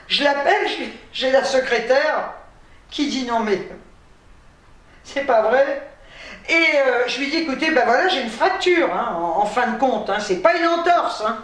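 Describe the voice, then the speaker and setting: A woman's voice: high voice, expressive, measured pace, pauses often, far from the mic. A tired woman telling a story to camera in a chatty, exasperated way, with laughing asides. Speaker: vlogger. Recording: very echoey room, off-mic.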